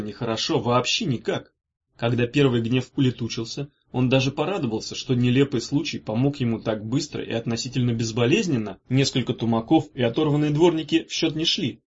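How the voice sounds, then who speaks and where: A man narrating an audiobook in an expressive, animated reading style. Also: medium pitch, breathy edge. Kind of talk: scripted narration. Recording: dull lo-fi recording.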